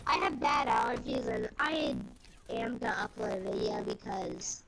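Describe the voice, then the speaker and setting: A male host of a gaming video giving casual, rambling, excitable commentary while playing, his voice coming through with a robotic, glitchy distortion. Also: rumbling low, moderate pace, gravelly. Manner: rambling, excitable, filler-heavy. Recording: loud game noise behind voice.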